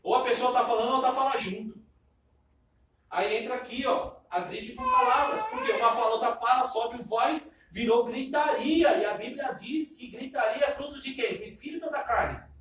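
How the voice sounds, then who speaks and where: A man preaching a sermon, loud and emphatic, and he says himself that he talks loudly. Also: very high-pitched, moderate pace, a little hiss or hum. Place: church sanctuary. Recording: echoey church hall from far off.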